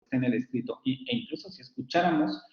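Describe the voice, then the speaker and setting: A man's voice: mid-range voice, fast. A man teaching a university phonetics class in a recorded online lecture, explaining at length and modeling sample words aloud. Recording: roomy, dull lo-fi sound.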